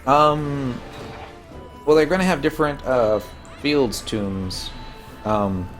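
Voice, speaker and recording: A streamer playing an online game, a man with a Texan accent, chats casually through his gameplay, rambling and answering viewers along the way. He has a medium-pitched voice and takes it slowly. Soft music plays in the background.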